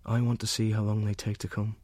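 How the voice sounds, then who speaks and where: An actor giving a gentle, earnest reading as a young soldier writing love letters to his sweetheart from the front. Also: fairly low pitch, monotone, fast, no echo, close to an everyday voice. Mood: tender. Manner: earnest, gentle, softly intimate.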